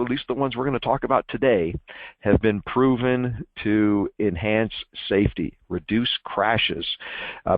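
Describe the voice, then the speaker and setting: A lower-voiced man giving a technical talk in a plain, explaining tone. He fills his pauses with "uh" and slips in self-deprecating jokes. The sound is dry and thin, like a phone line. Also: no echo. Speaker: presenter. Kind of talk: technical presentation.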